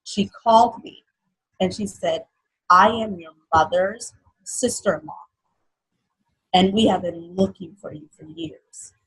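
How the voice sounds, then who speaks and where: A young woman from Haiti, a guest telling her life story in an interview in an earnest, halting way. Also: medium pitch, animated, a bit bright, husky, rough recording.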